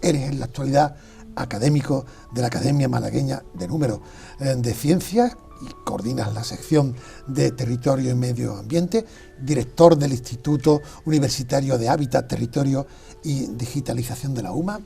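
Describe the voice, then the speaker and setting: A man's voice: mid-range voice, moderate pace, gravelly, warm tone, faint music behind. A man hosting a TV interview, introducing his guest's career and chiming in with short agreements. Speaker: TV host, journalist.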